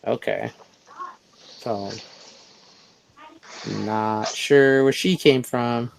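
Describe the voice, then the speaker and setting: A man's voice: mid-range voice, vocal fry, noisy background. A man hosting a casual podcast, thinking aloud as he reads through a list. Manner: slow, thinking aloud while reading a list. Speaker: podcast host. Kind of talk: casual chat.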